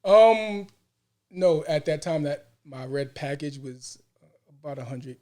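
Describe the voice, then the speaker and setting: A man with a Brooklyn accent hosts in a casual, conversational way. His voice sits a little high, and he often repeats phrases for emphasis. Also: animated, slow, warm tone. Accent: Brooklyn, New York. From Brooklyn, New York. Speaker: podcast host.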